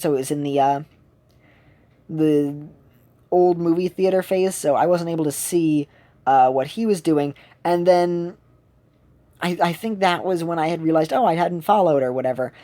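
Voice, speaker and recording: A woman's voice: on the low side, dark tone. A woman streamer chatting casually while she plays a game, rambling and often correcting herself. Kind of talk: casual chat while gaming.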